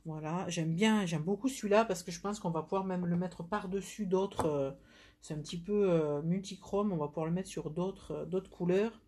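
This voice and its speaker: A woman's voice: lowish voice, normal speed, warm tone. A woman with a southern French accent, chatting through a live nail polish demo with many fillers and restarts. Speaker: nail product seller.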